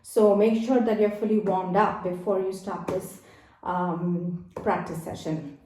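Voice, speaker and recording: A woman's voice: mid-range voice, little pitch movement, unhurried, mellow. A woman teaching a yoga class, giving patient step-by-step cues with fillers, slightly out of breath. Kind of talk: guided exercise instruction. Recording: very echoey, distant.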